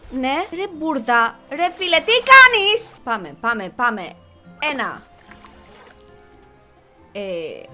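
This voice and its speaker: A woman's voice: a little high, sharp tone. A young woman casually commenting on her own gameplay, chatty and often exasperated, talking to her viewers and to the game characters. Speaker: gaming channel host. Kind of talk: casual let's-play commentary. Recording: faint game music behind.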